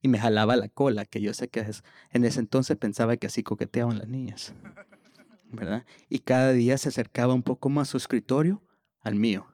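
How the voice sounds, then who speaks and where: A man telling a personal story on stage in a lively way, often stumbling over repeated words as he restarts. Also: mid-range voice, fairly quick, no echo, clean studio sound. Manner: animated, with stammered restarts.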